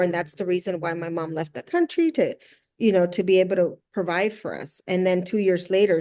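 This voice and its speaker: A middle-aged woman with a low, slightly mellow voice tells her story earnestly as an interview guest. Originally from El Salvador, she moved to the US at six and now flips luxury houses, speaking in a conversational way.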